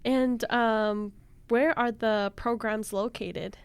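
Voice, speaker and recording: Encouraging woman radio host with a smooth voice. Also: fairly high pitch, fairly even intonation, slow pace, dry recording. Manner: encouraging, frequent mm-hmms. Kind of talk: radio interview. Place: radio studio.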